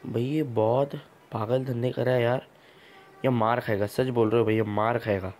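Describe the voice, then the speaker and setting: A man's voice: medium pitch, steady tone, normal speed, a little mellow. Man doing playful mock-scolding game commentary. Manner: teasing, mock-scolding banter. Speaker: gameplay video host. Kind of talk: casual gameplay commentary.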